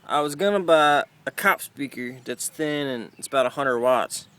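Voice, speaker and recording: A man vlogs his car radio installation as an amateur, chatting informally and swearing mildly while a handheld camera follows him in and around the car. His mid-range voice moves at a moderate pace and sounds pushed and bright.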